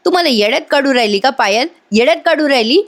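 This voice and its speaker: Irritable young man voiced by a woman, scolding, raised pitch. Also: expressive, fast talker. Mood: angry. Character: hot-tempered young man, small-time businessman.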